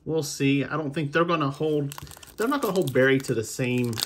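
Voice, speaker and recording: Brisk and fairly high in pitch, an American man narrates his card-pack opening in loose, unscripted chatter. He's a video host who collects baseball cards, and he drifts a bit as he voices his thoughts like a typical hobby channel host.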